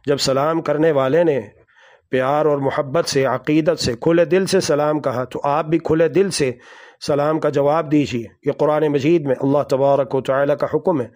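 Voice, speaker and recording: A male preacher delivers a religious lesson slowly and deliberately, pausing between short phrases. His voice sits a little high for a man. He recites Arabic verses and speaks directly to his listeners as brothers and sisters. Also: fairly even intonation, darkish tone. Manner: slow, deliberate, with measured pauses. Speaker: Islamic preacher.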